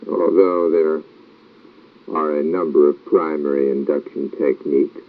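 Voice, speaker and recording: Very deep, slow hypnotist-like male lecturer. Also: steady tone. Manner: slow, measured hypnotist-like delivery with frequent pauses; formal, clinical wording. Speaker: lecturer on clinical hypnosis technique. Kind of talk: scripted instructional lecture. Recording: dull lo-fi old tape recording.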